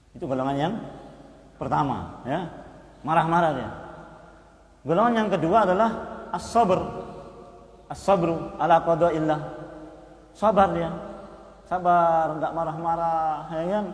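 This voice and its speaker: Man teaching in an echoey mosque hall. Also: on the high side. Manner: lively, repetitive, with chuckles and asides to listeners. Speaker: preacher. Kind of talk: mosque study lesson. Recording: echoey hall, long reverb.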